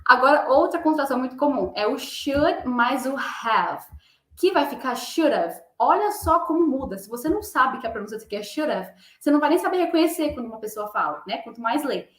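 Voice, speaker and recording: A woman teaching English pronunciation in a casual online lesson, chatting and slowly repeating example words. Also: sits high, expressive, a bit bright, reverberant.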